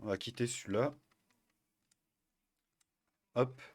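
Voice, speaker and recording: A man's voice: mid-range voice, slow pace. A man casually walking through emulator settings, hesitant, with many fillers and self-corrections. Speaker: tutorial host. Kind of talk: casual screen-recorded tutorial.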